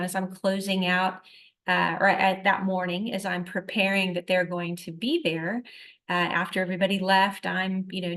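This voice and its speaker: Earnest woman sharing a personal testimony. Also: mid-range voice. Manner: storytelling with frequent "you know" and "uh" fillers; earnest and reflective, with sudden rises in loudness.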